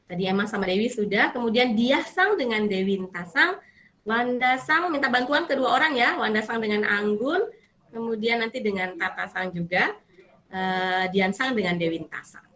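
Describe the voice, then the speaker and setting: Woman teacher running a japanese class, bright high-ish voice, keeps correcting students. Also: moderate pace. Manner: lively, corrects and coaches students, switches between Indonesian and Japanese. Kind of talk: online class instruction.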